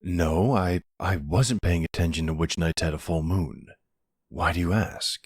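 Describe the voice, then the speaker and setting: Playing a nervous boyfriend in an intimate roleplay drama, this man speaks slowly and earnestly in a very deep, husky voice, repeatedly pushing his partner with pleading, exasperated worry. He sounds concerned and disbelieving, recorded with studio quality and no room sound.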